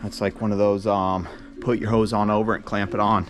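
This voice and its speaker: A man's voice: lowish voice, level tone, brisk, faint music behind. A man casually narrating his own work on his trucks, rambling and laid-back with lots of fillers, recorded outdoors beside a truck. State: a little out of breath at times. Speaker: vlogger working on his trucks. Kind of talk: casual self-filmed narration.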